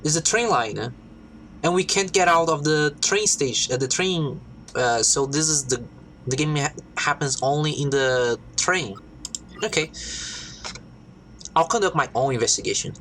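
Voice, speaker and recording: A woman streaming a game live, thinking out loud and reading on-screen text as she plays. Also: deep voice, unhurried, slight background noise, low-quality recording.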